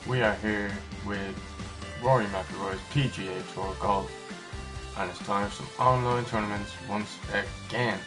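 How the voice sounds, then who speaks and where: A man's voice: lowish voice, fairly even intonation, a little slow, over music. A man hosting a gaming video with casual let's-play chat and muttered short reactions.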